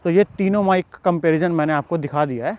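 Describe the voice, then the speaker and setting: A man's voice: on the high side, quick pace, background noise. A man casually reviewing wireless mics on a clip-on mic, chatty and explaining each step as he handles the gear. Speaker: tech reviewer vlogger. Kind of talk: casual product demo.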